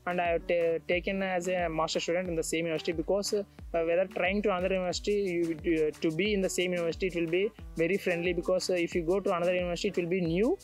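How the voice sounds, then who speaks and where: A young Indian man, an international student, speaks in a high, flat voice at a very fast pace, with faint music behind him. Outdoors on a tree-lined campus, he answers interview questions hesitantly, using many fillers and restarting often.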